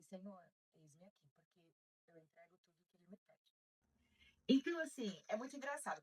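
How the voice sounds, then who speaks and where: A woman giving an informal devotional talk, telling personal stories in an intimate, chatty way and dropping to soft, hushed tones at tender moments. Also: mid-range voice, rough recording. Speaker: devotional speaker.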